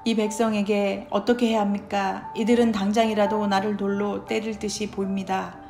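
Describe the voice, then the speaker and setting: Moses, older man, firm and steady, read out by a woman, gravelly edge, music behind. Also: medium pitch, moderate pace, lightly acted. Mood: earnest. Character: Moses, an older male leader, pleading and firm. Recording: roomy with background music.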